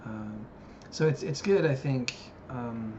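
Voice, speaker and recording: This Japan-based vlogger in his thirties takes his time, speaking slowly in a medium-pitched voice as he reflects aloud. His delivery is hesitant and musing, with many fillers, over dull lo-fi audio with background noise.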